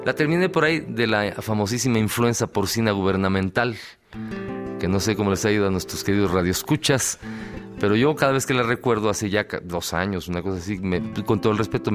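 A Mexican musician chats on the radio in a low, easy voice. He jokes and jabs with an irreverent, wry humor. Faint music plays softly in the background. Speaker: musician guest. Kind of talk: casual radio chat.

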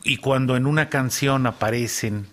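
A man with a mid-range voice hosts a radio conversation. He reflects thoughtfully, choosing his words slowly and with small hesitations. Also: mid-range voice.

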